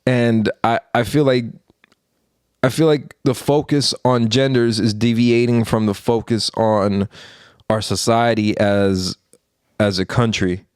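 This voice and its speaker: A man in his thirties co-hosts a podcast, sharing opinions casually in a rambling, earnest way full of fillers and restarts. His medium-pitched voice is steady, unhurried and clean, recorded dry with clean studio sound.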